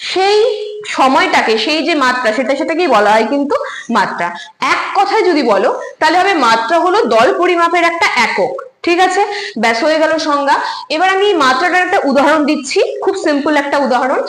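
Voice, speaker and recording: A woman's voice: high voice, lively intonation, fairly quick, fairly bright tone, reverberant, a little hiss or hum, low-quality recording. A woman teacher giving an online lecture, explaining terms step by step, often repeating key words and checking whether students follow. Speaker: Bengali literature teacher.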